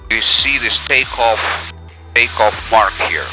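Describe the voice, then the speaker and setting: Male pilot-reviewer, forceful bright tone, explanatory checklist narration from a cockpit headset. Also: fairly low pitch, slow pace, faint music behind, rough recording. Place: cockpit of a small airplane. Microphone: aviation headset in cockpit.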